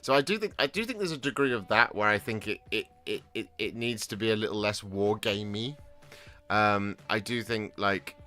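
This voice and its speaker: A man's voice: lowish voice, lively intonation, normal speed, pushed and bright, soft background music. A man chatting casually on his hobby vlog, rambling with lots of restarts and fillers. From England. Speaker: hobby vlogger. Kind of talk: casual chat while painting miniatures.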